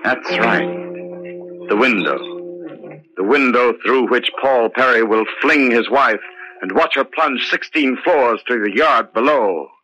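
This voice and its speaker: An actor playing an ominous, brooding murder-mystery narrator in theatrical, slow 1940s radio style. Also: male voice, medium pitch, animated, lightly acted. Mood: menacing, suspenseful. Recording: noisy, dull old 1940s radio recording.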